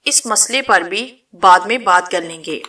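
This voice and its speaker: A woman's voice: mid-range voice, bright, forceful tone, recorded from a distance, natural voice. A woman reading as a proud, domineering noblewoman. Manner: commanding, possessive. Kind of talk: storybook reading.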